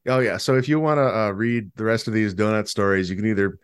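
Podcast host dude, low voice, chatty and laughing, dry mic. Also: male voice, smooth, no room sound. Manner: chatty, laughs often, halting restarts. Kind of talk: casual chat.

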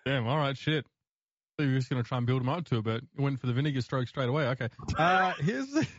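A man's voice: mid-range voice, animated, fast talker, no room sound, dull audio. A man playing a tabletop game with casual, jokey, sweary banter. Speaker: player.

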